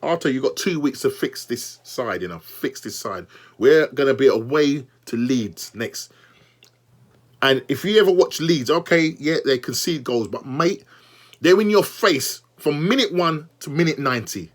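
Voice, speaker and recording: A young man reviewing a football match as a fan, exasperated and animated, repeating himself and talking straight to the manager. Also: mid-range voice, a little slow. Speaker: football fan channel host.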